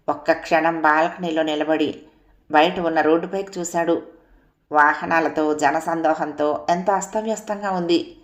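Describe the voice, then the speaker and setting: Low-voiced woman telling a story. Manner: expressive, voices the dialogue. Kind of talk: scripted story narration.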